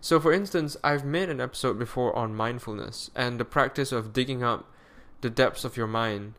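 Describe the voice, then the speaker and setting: A man talks alone into a close podcast mic at home, his voice tired and weary. He rambles, doubles back and fills pauses with "um" and "like" as he muses to his listeners. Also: mid-range voice, a bit bright. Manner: rambling, self-correcting, with frequent fillers. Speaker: podcast host. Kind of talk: solo podcast monologue.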